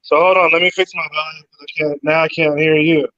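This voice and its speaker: A man talking in an easygoing, halting way as a guest on a casual interview, heard over a choppy phone video-call connection that cuts out. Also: fairly high pitch, little pitch movement, sharp tone. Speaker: guest, python breeder. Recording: dull lo-fi phone audio cutting out.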